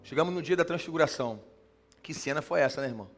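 A man preaching a sermon as a pastor, animated, swinging from loud emphatic lines to soft, slow ones. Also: fairly high pitch, soft background music.

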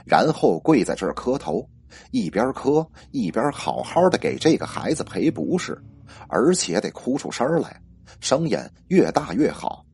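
A man voicing a stern male village exorcist who gives curt, firm orders in a low, husky voice. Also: sing-song, normal speed, a little mellow, heavily acted. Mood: stern commanding.

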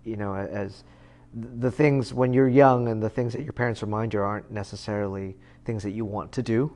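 A man's voice: on the low side, steady tone, fairly quick, dark tone. A man in his thirties, a guest in a casual conversation, talking in a rambling way with many fillers and restarts. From United States. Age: 30s.

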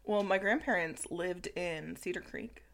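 A woman in her thirties co-hosting a podcast in relaxed casual chat, with many fillers, sometimes dropping to a near whisper. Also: lowish voice, a little slow. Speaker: podcast co-host.

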